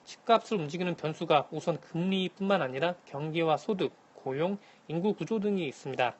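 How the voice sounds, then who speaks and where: Guy phoning in econ news to a radio show, slightly high voice, formal and measured, reading from notes. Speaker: economic correspondent on a radio phone briefing. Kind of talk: scripted news briefing, answering by phone. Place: phone link to a radio programme.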